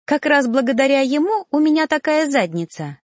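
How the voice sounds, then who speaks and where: A woman's voice: high voice, moderate pace, dry recording, clean studio sound, voice pushed up. Woman voicing a cheeky teasing girl apprentice. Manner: mocking, teasing, raised lively voice. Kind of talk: audiobook character voice.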